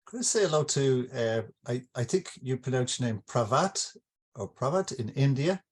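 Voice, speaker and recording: This Irish author has a husky, mid-range voice and sounds animated at a normal pace. Hosting his own book launch online, he talks informally and reflectively to the group, a bit hesitant as he explains.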